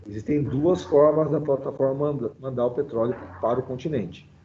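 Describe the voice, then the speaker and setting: A man's voice: mid-range voice, brisk, mellow. Man on a glitchy, choppy call. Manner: explanatory, with many fillers and tag questions. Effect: choppy, breaking-up call audio. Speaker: teacher. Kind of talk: online class lecture. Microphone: video call. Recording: muffled, noisy online call audio.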